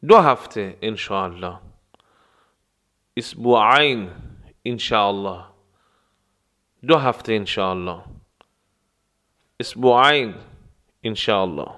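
A man teaching travel phrases, explaining words and repeating them slowly for practice. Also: medium pitch, fairly bright tone. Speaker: language teacher. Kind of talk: phrase lesson with slow repetitions.

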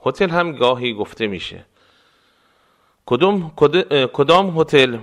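Man teaching phrases by slow repetition. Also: on the high side, animated, fairly bright tone. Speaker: language teacher. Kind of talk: spoken phrase lesson with repetition.

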